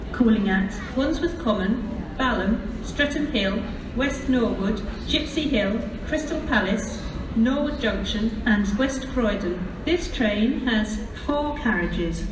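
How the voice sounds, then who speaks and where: A British woman making formal, measured train station announcements, reading out scripted details item by item. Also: on the high side, recorded from a distance. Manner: formal, measured, listing stops one by one. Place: large railway station, over public address. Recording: echoey, noisy station tannoy heard from afar. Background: station ambience noise.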